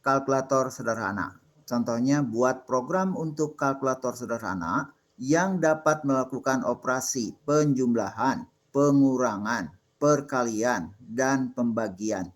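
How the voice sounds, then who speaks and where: A man's voice: medium pitch, unhurried. A middle-aged man, a lecturer, patiently answering student questions in a class and explaining step by step with examples. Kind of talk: classroom Q&A on assembly programming.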